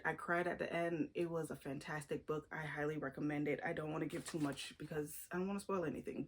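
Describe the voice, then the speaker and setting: A woman talking casually to camera about her favorite books, chatty and gushing, with restarts and fillers. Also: sits low. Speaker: book reviewer. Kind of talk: casual book review vlog.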